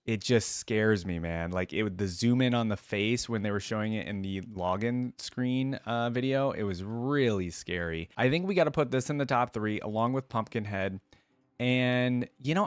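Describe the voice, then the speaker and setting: A video host reacts to game content with casual, informal commentary, thinking aloud off the cuff. His medium-pitched voice is expressive and moderately paced, with no room sound.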